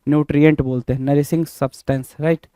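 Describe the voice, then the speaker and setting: Man drilling vocabulary in a dry, mellow voice. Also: on the high side, flat delivery, fairly quick, clear, resonant tone, no room sound. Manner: repetitive, spells words letter by letter, quizzing the viewer; mixes Hindi and English. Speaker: English vocabulary teacher. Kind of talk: exam-prep vocabulary lesson.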